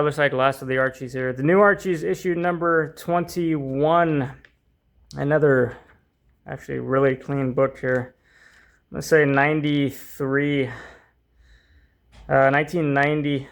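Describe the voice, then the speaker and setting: A man's voice: medium pitch, level tone, unhurried, creaky, pauses often. A man hosting a comic book channel, chatting casually and rambling through fillers and restarts, a little worn out and strained from the heat. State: hot and tiring, voice strained. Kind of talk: casual unboxing chat.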